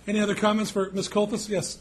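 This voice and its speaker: A man's voice: high-pitched, monotone, quick pace, a crowd in the background. A man serving as mayor, chairing a city council meeting with a joking, folksy but formal manner.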